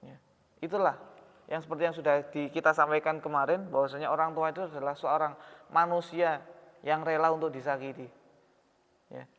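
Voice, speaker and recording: A man's voice: a little high, steady tone, fairly quick, long pauses, fairly bright tone. A man preaching a sermon in a mosque hall, talking in a conversational way and asking his audience questions. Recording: reverberant hall, dull sound.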